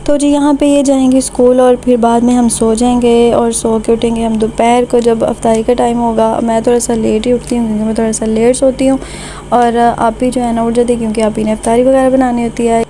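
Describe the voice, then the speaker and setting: Woman, Pakistani Urdu accent, vlog voice-over, chatty with fillers, slightly high voice. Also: a little hiss or hum. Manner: chatty and warm-hearted, with frequent conversational fillers. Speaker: vlogger. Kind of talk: voice-over narration of a family vlog.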